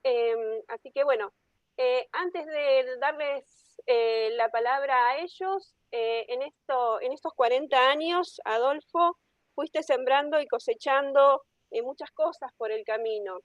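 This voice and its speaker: A woman moderating an online talk, introducing speakers with many pauses and fillers. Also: high voice, no echo, lo-fi sound.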